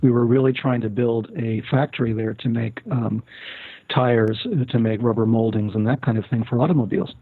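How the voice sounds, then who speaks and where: A man's voice: mid-range voice, steady tone, brisk, breathy edge, no room sound. An older man talking as a guest, telling stories at length with many fillers and restarts. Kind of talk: casual interview talk. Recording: tinny phone-line sound.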